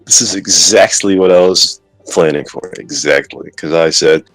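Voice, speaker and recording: A man's voice: deep voice, normal speed, a bit bright, faint music behind, rough recording. A man hosting a podcast, joking and rambling in casual banter. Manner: joking, rambling, trash-talking. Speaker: podcast host.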